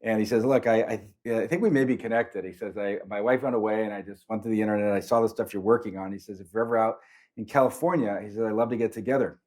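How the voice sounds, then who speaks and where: Middle-aged man, lowish voice, anecdotal storyteller who animates his quotes, panel-talk register. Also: fast. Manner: anecdotal, animated when quoting others. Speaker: priest and panelist.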